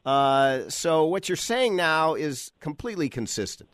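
An American man hosting opinionated talk radio, halting and repeating phrases for emphasis as he goes. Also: fairly high pitch, very animated, fairly bright tone, dry recording, studio quality. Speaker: radio talk show host.

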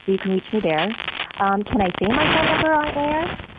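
Upbeat woman caller over a landline phone, tinny and hissy line, chatty pitch. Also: lively intonation, a little fast. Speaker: real estate agent calling in as a guest. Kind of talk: casual radio phone-in chat.

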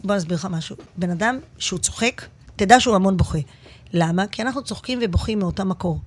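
A woman comedian chatting as a guest in a radio studio, telling stories in an animated, expressive way. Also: medium pitch. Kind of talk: casual interview chat.

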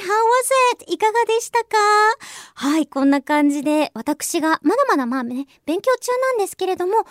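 A woman's voice: high voice, dry recording, studio quality. A Japanese woman hosts a radio show, switching between English with a Japanese accent and Japanese. She stops often to search for words, with many fillers. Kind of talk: casual talk in English and Japanese.

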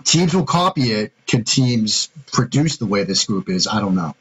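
A man's voice: on the low side, big pitch swings, normal speed, fairly bright tone, slightly rough, poor audio. A man co-hosting a sports podcast, talking through defensive schemes step by step in a casual, analytical way. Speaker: podcast co-host, football analyst.

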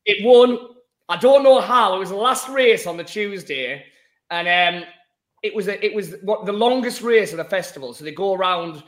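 A man presents a casual sports show with a croaky, mildly hoarse voice. His pitch sits a little above the usual male range. He is chatty and jokey as he hosts. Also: expressive, moderate pace. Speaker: podcast host.

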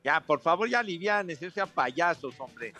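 A man's voice: on the high side, expressive, moderate pace, sharp tone. A Mexican man co-hosting a sports radio show, bantering with courtly, affectionate greetings and mock complaints. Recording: radio with clear music underneath. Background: music.

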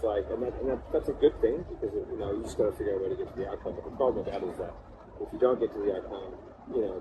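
Low-voiced man rambling over clear background noise. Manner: rambling and informal, with casual swearing. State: cold, in an ice bath. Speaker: podcast speaker. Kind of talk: casual podcast chat. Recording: clearly noisy background hum.

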